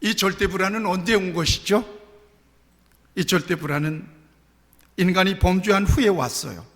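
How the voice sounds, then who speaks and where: A middle-aged male pastor preaching a sermon, animated, full of rhetorical questions and personal stories. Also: sits high, moderate pace. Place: church sanctuary. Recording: long church hall reverb.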